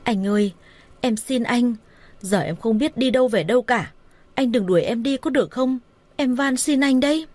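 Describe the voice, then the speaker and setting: A woman voicing a tearful older woman who begs and pleads in a high voice. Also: lively intonation, unhurried, a little mellow, husky, dry recording. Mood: pleading.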